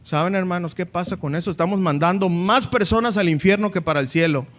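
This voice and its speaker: A man's voice: sits high, a little fast, a bit bright. A man with a Mexican Spanish accent preaching a sermon earnestly as a pastor, often calling out to the congregation.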